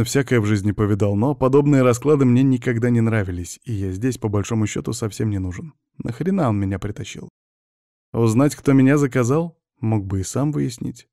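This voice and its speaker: A man's voice: mid-range voice, mellow, no room sound, studio quality. A man narrating a first-person crime story with a wry, sardonic manner.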